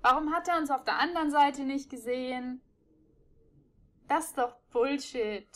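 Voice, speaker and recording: A woman giving casual gameplay commentary on a headset, excitable and swearing at the game. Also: high-pitched, normal speed. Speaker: let's play gamer.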